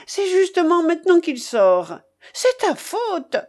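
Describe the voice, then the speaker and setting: A woman's voice: sits high, big pitch swings, measured pace, mellow, voice pushed up. A woman voicing an impatient, hot-tempered old grandmother who gambles and barks orders, in an audiobook. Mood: furious. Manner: bossy, barking orders. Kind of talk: audiobook character voice.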